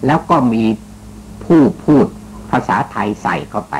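A man's voice: a little slow, background noise. A man hosting a talk show, telling a story with teasing jokes in a casual, polite manner. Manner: joking, teasing, chatty storyteller; polite, with frequent particles. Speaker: radio talk host. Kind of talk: casual spoken commentary.

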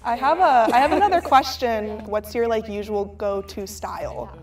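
A woman's voice: a little high, normal speed. Eager woman in her twenties. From California. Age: 20s. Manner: eager, enthusiastic. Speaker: reality show contestant. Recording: distant mic with music and voices behind.

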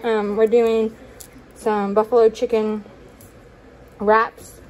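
A young woman chatting casually in her kitchen, showing what she bought, with fillers and quick self-corrections. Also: on the high side, level tone, a little mellow, a little hiss or hum, rough recording. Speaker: vlogger. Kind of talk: casual grocery haul narration. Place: home kitchen, indoors.

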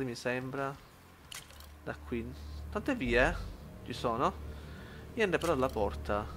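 A man giving lively commentary while playing a shooter game, shouting at enemies and muttering between fights. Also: medium pitch, noisy background. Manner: excitable, yells at enemies, then mutters to himself. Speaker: gaming YouTuber.

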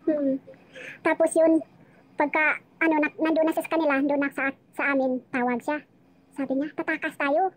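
A woman's voice: high-pitched, flat delivery, fairly quick. A woman casually telling her life story on a live chat, rambling and emotional, often restarting her sentences.

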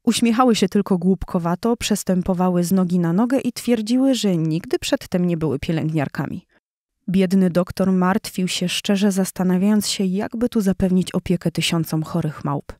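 Woman reading a kids story, steady and clear, dry studio sound. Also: lowish voice, moderate pace, dry recording. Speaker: audiobook narrator. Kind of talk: children's audiobook reading.

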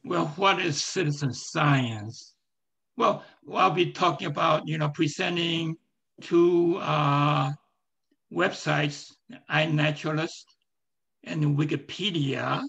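Giving a live screen-share presentation, this man halts frequently, filling gaps and restarting often. His voice is hoarse and strained, fairly high and a bit bright.

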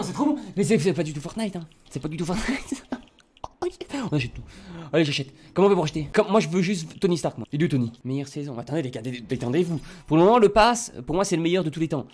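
A young man commenting on a video game, excitable and swearing, jumping from quiet mutters to shouts. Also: fairly high pitch, slight background noise. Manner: swears casually, repeats himself. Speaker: gaming streamer.

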